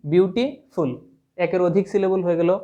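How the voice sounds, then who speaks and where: A man's voice: fairly high pitch, normal speed, a little mellow. A man with a Sylheti Bengali accent teaching an English grammar lesson, explaining step by step and spelling words out letter by letter. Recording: dull lo-fi sound.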